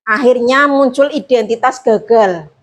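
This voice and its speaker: A woman teacher giving a training presentation to fellow teachers, explaining with lively acted examples. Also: fairly high pitch, a little slow. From Indonesia.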